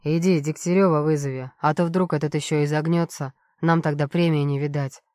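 A woman voicing a rough, mocking male prison guard in a dry, close audiobook reading. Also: deep voice, steady tone, fairly quick, a little mellow, dry recording, pitched below the performer's own voice, natural voice. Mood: dismissive. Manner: gruff, insulting, mocking.

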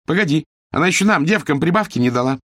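A man voicing a fiery young woman worker who shouts defiantly. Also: deep voice, lively intonation, quick pace, no echo, studio quality, voice pushed up.

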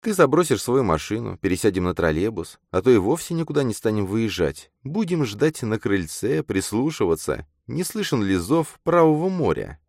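A man's voice: on the low side, very animated, normal speed, hardly any pauses, a little mellow, no room sound, clean studio sound, voice pushed up. A man voicing a restless, passionate young woman who speaks urgently in a storybook reading. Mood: earnest.

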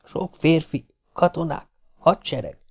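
A man voicing a Greek man who speaks in short, halting, clipped words, keeping his voice down. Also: a little high, lively intonation, a little mellow, pitched above the performer's own voice. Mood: wary hushed. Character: Greek man, plain-spoken, broken English.

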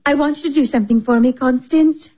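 Actress as a high, gushing British socialite, drawing room comedy. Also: female voice, quick pace, a little mellow. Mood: confiding, self-satisfied. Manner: affected, effusive. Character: gushing, vain, flighty upper-class society woman.

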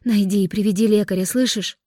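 A woman voicing a composed young fairy woman who takes charge, speaking briskly and with command. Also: mid-range voice, steady tone, warm tone, dry recording, studio quality, pitched above the performer's own voice, natural voice. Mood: urgent.

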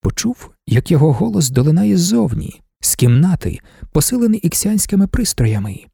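Gravelly, expressive male audiobook narrator. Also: fairly high pitch, moderate pace, dry recording, studio quality. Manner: expressive, dramatic reading. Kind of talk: scripted novel narration.

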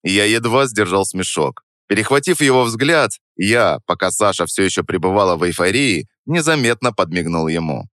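A man reading a first-person audiobook in a calm, measured, wry way. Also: on the low side, no room sound, studio quality. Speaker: audiobook narrator.

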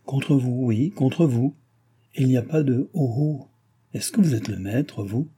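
A man's voice: medium pitch, unhurried, warm tone, husky. A man voicing a French royal favourite, a countess who talks in an imperious, defiant way. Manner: haughty and emphatic.

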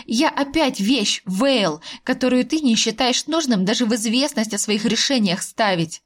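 A woman voicing an indignant young wife, sharp and sarcastic, who pleads with her husband. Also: a little high, expressive, normal speed.

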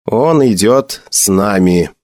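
A man's voice: fairly low pitch, lively intonation, slow, darkish tone, no echo, clean studio sound. A man doing a grim, terse young commander. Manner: terse, subdued.

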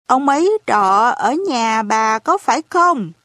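A woman's voice: a little high, animated, takes it slowly, fairly bright tone, dry recording, studio quality. A woman voicing an anxious orphan boy who pleads urgently in a raised voice. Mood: pleading, anxious. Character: anxious orphan boy searching for his family.

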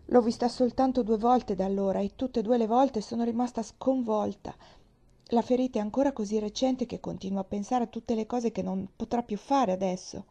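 A lady reading as a worried young maid, apologetic, near tears, mellow soft voice. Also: fairly high pitch, steady tone, brisk, voice pushed up. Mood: distressed. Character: young maid, anxious and tender-hearted.

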